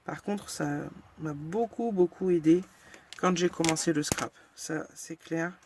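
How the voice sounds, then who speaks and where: A woman's voice: low-pitched, unhurried, darkish tone, slight background noise. A woman hosting a casual crafting tutorial, chatting frankly and narrating each step as she works, with lots of fillers. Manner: self-deprecating and frank.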